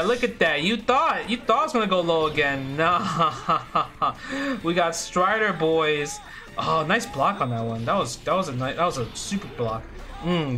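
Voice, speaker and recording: Excitable bright-voiced man calling his own gameplay. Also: a little high. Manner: excitable, swings from muttering to yelling. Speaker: fighting game player and commentator. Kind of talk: live gameplay commentary.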